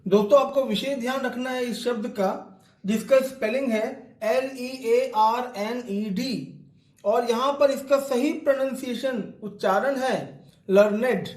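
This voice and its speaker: Male literature lecturer, very high voice, slow deliberate readings, echoey room. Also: fairly even intonation. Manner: reads English quotations slowly, then explains them in Hindi. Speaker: English literature teacher. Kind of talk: line-by-line lecture explanation.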